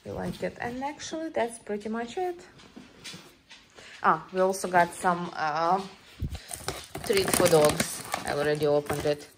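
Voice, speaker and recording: A woman who is not a native English speaker, casually showing a grocery haul in her kitchen and listing the items with many pauses and ums. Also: lowish voice, noisy background. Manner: listing items slowly with many ums, second-language grammar. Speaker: vlogger. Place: home kitchen, indoors.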